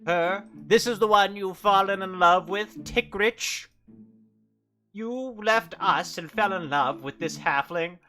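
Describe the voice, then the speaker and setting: A man's voice: a little high, very animated, unhurried, long pauses, pushed and bright, faint music behind, pitched above the performer's own voice, heavily acted. A man voicing a flustered, lovestruck male storm sorcerer who stammers and pleads in a raised voice. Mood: pleading.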